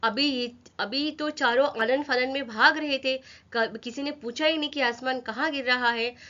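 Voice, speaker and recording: A woman voicing a big male elephant who calls out slowly and loudly, heard on a dull lo-fi recording. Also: sits high. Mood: puzzled.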